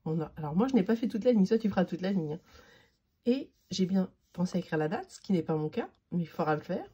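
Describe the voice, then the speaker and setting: A patient woman teacher talks young children through handwriting, naming each letter as she forms it. Her voice is very dark and husky. The sound is dull and lo-fi. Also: fairly low pitch, animated. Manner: slow, patient, spells out each letter while writing.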